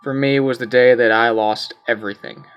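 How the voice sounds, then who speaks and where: A man's voice: medium pitch, steady tone, brisk, clean tone, dull audio, soft background music. Casual man reading a game aloud. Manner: casual, stumbling over repeated words. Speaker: gameplay streamer.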